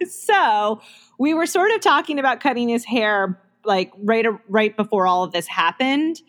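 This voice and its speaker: A woman's voice: a little high, animated, unhurried, fairly bright tone. A woman in her thirties co-hosting a podcast, chatting casually and laughing often, with plenty of likes and ums. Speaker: podcast co-host. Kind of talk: casual chat.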